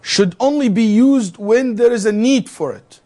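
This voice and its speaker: With an extremely high pitch and an unhurried delivery, a man lectures his theology class animatedly. He keeps challenging students with rhetorical questions and cracking jokes on the side.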